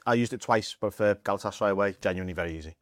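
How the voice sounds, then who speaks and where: A man in a football podcast chat, adding quick, dry asides. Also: on the low side, no echo. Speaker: podcast guest.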